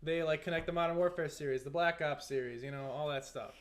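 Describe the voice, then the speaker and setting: Chatty man, slightly high voice. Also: fairly even intonation, fast talker. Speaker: podcast co-host. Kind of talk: casual gaming podcast chat.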